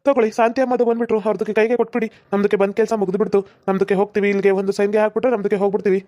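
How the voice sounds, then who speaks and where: A woman's voice: mid-range voice, flat delivery, rapid-fire, mellow, close to an everyday voice. A woman playing a chatty, nosy male village postman in a comedy sketch. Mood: hurried. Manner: nosy, teasing banter. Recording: slightly dull lo-fi recording.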